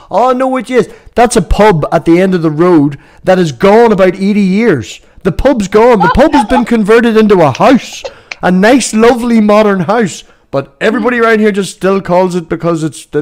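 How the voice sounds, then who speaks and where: A man in his thirties hosting a relaxed stream, telling rambling stories and swearing casually. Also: high-pitched. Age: 30s. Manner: rambling storyteller who swears freely. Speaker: stream host. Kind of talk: casual chat.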